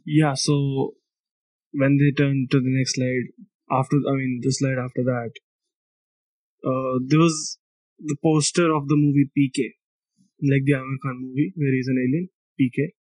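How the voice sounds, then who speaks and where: A man's voice: medium pitch, flat delivery, unhurried, darkish tone, no echo, low-quality recording. A young man from India hosting a solo podcast, rambling and self-mocking, laughing often and swearing casually. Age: young adult. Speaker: podcast host.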